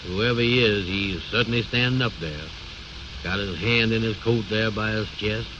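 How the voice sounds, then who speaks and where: A muffled, noisy old radio recording carries a male actor as a pompous, blustering man. His voice sits low, and he talks in folksy, ungrammatical phrases, bossing like a self-appointed expert in a comedy serial. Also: normal speed, close to an everyday voice. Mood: self-assured. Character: pompous, bossy, know-it-all man bluffing his friend. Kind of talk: 1930s-40s radio comedy acting.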